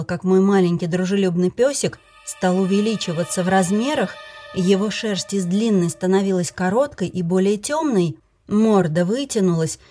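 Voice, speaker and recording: A woman's voice: medium pitch, warm tone. A woman reading a first-person fantasy story aloud, giving the characters' lines with little change of voice. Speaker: audiobook narrator.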